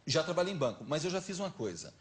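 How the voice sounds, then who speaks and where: Guy w a mineiro accent telling stories on a talk show, lively, chatty, middle-aged. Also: a little high, fast. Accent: Minas Gerais. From Minas Gerais, Brazil. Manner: lively anecdotal, animated retelling. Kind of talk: casual storytelling chat.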